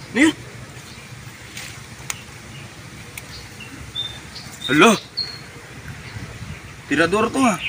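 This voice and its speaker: In a comedy skit, a man plays an excitable, naive fellow who becomes a superhero after being pecked by a chicken. His pitch sits high as he wonders aloud in melodramatic exclamations, breaking into villain-style laughter. It's a noisy outdoor recording with vehicles passing.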